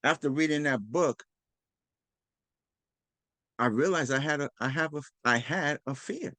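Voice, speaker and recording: A man's voice: on the high side, lively intonation, measured pace, pushed and bright, no echo. A man hosting a casual motivational talk, earnest and rambling, often restarting his sentences and acting out quoted dialogue. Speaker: host.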